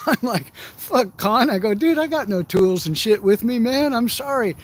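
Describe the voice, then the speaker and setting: A man's voice: extremely high pitch, lively intonation, normal speed, a little hiss or hum. Profane, rambling middle-aged man outdoors. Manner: profane, rambling anecdotes with frequent laughs. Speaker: outdoors vlogger. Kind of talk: casual storytelling while shore fishing. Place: outdoors by the water.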